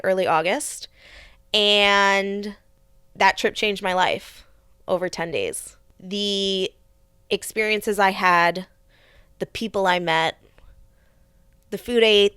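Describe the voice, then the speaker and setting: A woman's voice: medium pitch, bright, forceful tone, clean tone, dry recording, studio quality. A young adult woman hosting a podcast, telling a personal story in an earnest, reflective way with frequent restarts. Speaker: podcast host.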